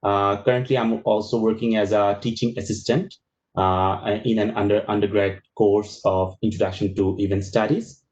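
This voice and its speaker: A man from Bangladesh, introducing himself as a master's student on a panel, halting and restarting words over a video call. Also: fairly low pitch, level tone, a little mellow. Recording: muffled video call audio.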